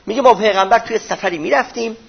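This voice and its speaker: Guy giving a religious lecture, husky and kinda raspy, high voice, explains stuff in plain talk. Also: dull audio. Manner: explains texts in plain everyday speech.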